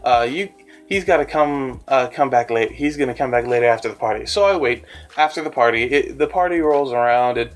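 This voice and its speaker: A man's voice: medium pitch, fairly quick. A young man telling a rambling, self-deprecating story in a casual storytime vlog, with faint music behind him. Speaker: animator and storyteller.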